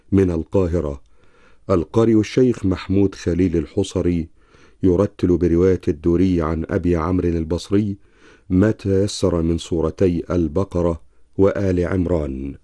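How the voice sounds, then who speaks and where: A man making a formal broadcast announcement as a radio announcer, with an even delivery. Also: low voice, a little fast, dry recording, studio quality.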